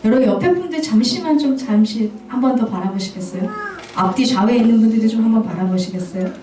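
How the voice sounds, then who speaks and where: Bright-pitched woman telling earnest stories in a testimony sermon, with a mellow, soft tone. Her voice echoes through a church hall and is picked up from some distance, with faint music under it. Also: fast talker. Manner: earnest, storytelling. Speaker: guest worship minister. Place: church sanctuary.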